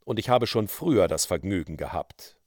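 A man voicing a smooth, menacing male outlaw who speaks low, slow and suave. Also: expressive, a little mellow, dry recording, studio quality.

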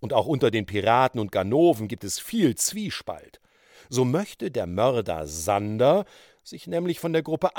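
A man tells a story in an expressive, animated reading voice. His pitch moves a lot, and the sound is dry and close. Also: dry recording. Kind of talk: storytelling narration.

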